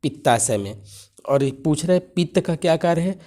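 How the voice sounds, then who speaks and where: A male teacher working through an exam paper, asking himself questions and repeating the key terms slowly. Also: a little high, animated, darkish tone.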